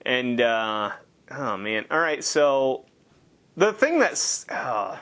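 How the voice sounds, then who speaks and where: A man's voice: medium pitch, sing-song, drawn-out words, fairly bright tone. A man giving casual gameplay commentary, rambling and sarcastic with heavy swearing.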